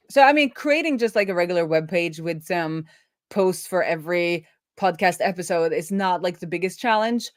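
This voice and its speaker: A woman web developer hosts a live coding stream, chatting casually and thinking aloud as she explains things. Her medium-pitched voice is recorded with clean studio sound and no room echo.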